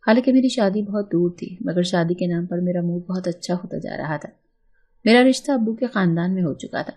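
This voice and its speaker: A woman's voice: on the low side, mellow. A woman narrating a first-person family story, read aloud steadily and plainly.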